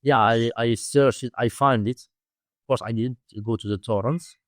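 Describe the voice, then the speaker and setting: The Moroccan-accented man has a mid-range voice with fairly even intonation and no room sound. Appearing as an interview guest, he teaches domain investing and tells stories conversationally, his English halting and repetitive.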